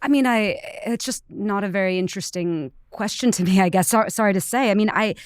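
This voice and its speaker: A woman's voice: mid-range voice, fairly quick, smooth, no echo. Brief: female artist on a panel, frank and dismissive, dry close sound. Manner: frank and dismissive, with hedging fillers. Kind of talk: panel debate.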